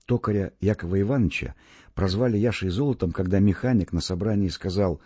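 A man narrating a short story aloud in an expressive, wry storytelling manner. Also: low-pitched, quick pace, husky, no echo. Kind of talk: audiobook reading of a short story. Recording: dull lo-fi recording with faint music.

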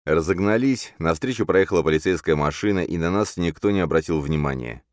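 A man reading a first-person crime thriller audiobook, with a low, dry voice that leaps up sharply for shouted threats. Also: expressive, fairly quick, no room sound. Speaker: audiobook narrator.

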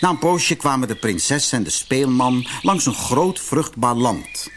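A man from the Netherlands narrating a fairy-tale audiobook with expressive storytelling. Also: medium pitch, measured pace, background noise.

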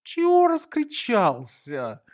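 Man reading as gruff cuban housemate, grumbly, jumps up high when he exclaims. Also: big pitch swings, slow pace, full character voice. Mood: grumbling.

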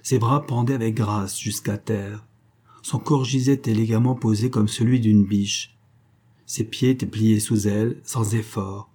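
A man narrating a classic novel as an audiobook in a calm, even reading. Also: on the low side, unhurried.

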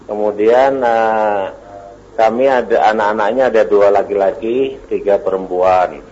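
A man's voice: fairly low pitch, measured pace, darkish tone. A man calling in to a radio show, hesitant, repeating the teacher's answers back to check them. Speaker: caller. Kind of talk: phone-in question. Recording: dull lo-fi radio audio with faint hiss.

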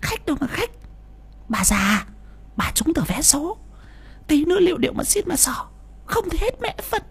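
A man voicing a shrill, greedy, scolding wife in an audiobook story. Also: very animated, normal speed, gravelly, exaggerated voice. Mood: snapping. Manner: shrill, sharp, nagging. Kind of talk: audiobook character voice.

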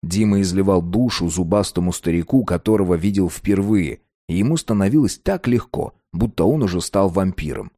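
A man narrating an audiobook in a steady, measured way. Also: deep voice, no echo, studio quality.

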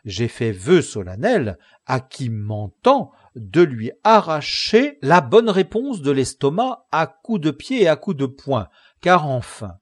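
A man voicing a simple, blunt, loyal squire in an audiobook, excitable and pleading, pitched higher than his narration. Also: slow pace, hardly any pauses, no echo, clean studio sound, heavily acted. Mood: indignant. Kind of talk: audiobook character reading.

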